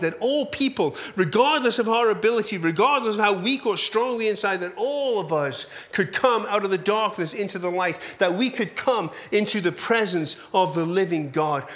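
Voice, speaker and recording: A man delivering a sermon with a high, bright voice. He hammers phrases home through repetition and sinks low at the close of each point, in an emphatic, earnest preaching manner. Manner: emphatic, repeats phrases for stress, drops low at line ends. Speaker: pastor.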